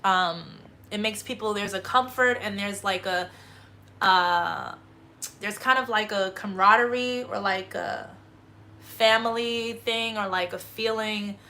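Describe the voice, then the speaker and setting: A woman talking on a livestream in a loose, rambling monologue that keeps breaking into profane, emphatic bursts. Her voice is bright and forward, with a sharp, ringing edge. Her pitch sits in an ordinary middle range. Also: unhurried. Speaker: livestream host. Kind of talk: casual spiritual monologue.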